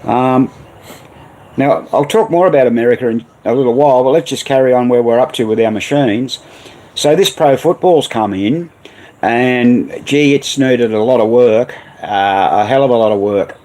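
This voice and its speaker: On a relaxed livestream about restoring vintage pinball machines, an Australian host wanders from topic to topic, packing in fillers and reading viewers' comments aloud. His mid-range voice is mellow and moves at a normal speed, though the audio is poor.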